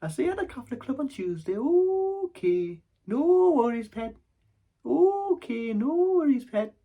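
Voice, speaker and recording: A man playing a chatty elderly grandmother, her voice lifted high and thinned out. She repeats herself in a fond sing-song manner, as if stuck in a long phone goodbye. The voice sits far above his own. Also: big pitch swings, measured pace, narrow, tinny audio, full character voice.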